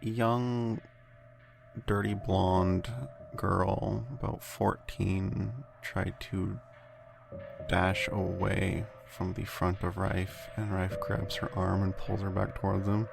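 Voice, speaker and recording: A man narrating a tabletop game as game master, with slow, deliberate descriptions. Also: sits low, little pitch movement, gravelly. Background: background music.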